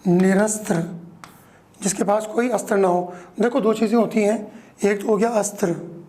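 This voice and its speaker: A male teacher giving a grammar lesson, explaining slowly and repeating each word, often checking in with the class. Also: high voice, fairly even intonation, dark tone.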